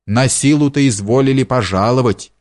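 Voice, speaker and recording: A man's voice: medium pitch, normal speed, a little mellow, dry recording, clean studio sound, close to an everyday voice. A man voicing a tipsy, fawning old male village steward who gushes in a sing-song way. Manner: sing-song, gushing, servile.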